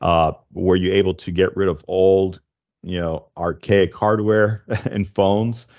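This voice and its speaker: Flat and unhurried, a middle-aged podcast host talks through tech topics in a casual, conversational way, close to his desk mic with headphones on. His voice is low with a darkish tone, and the recording's highs are cut off.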